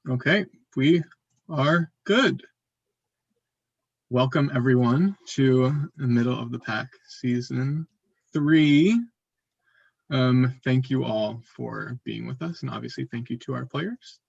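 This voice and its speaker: Man, host, gravelly voice, upbeat, lots of ums, dry dull video-call sound. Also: medium pitch, slow, no room sound. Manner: upbeat, filler-heavy hosting. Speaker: host of an online social strategy game. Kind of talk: hosting a live video call.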